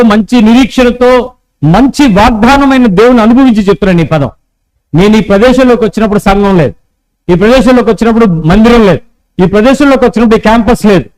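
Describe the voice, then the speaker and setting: A pastor with a slightly mellow voice preaches a sermon in a rough recording. He uses call-and-response, urging the congregation to repeat his words to one another, and acts out quoted conversations in a lowered voice.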